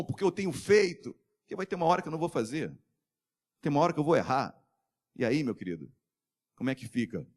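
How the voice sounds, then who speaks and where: Man, pastor, Brazilian accent, sermon, fairly high voice, loud calls and hushed asides, asks the church for amens. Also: breathy edge. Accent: Brazilian Portuguese. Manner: preaching with sudden swings between shouted calls and soft, low asides.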